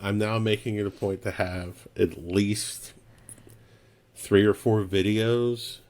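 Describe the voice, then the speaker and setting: A man's voice: fairly low pitch, fairly even intonation, takes it slowly, darkish tone. A man talking casually as a guest on a podcast, telling stories and laughing often. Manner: chatty storyteller, laughs often. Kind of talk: casual chat.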